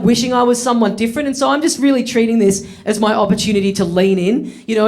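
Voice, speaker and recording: A young Australian man telling a story in stand-up, wry and self-deprecating, laughing through his lines before a live audience. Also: high voice. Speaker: stand-up comedian.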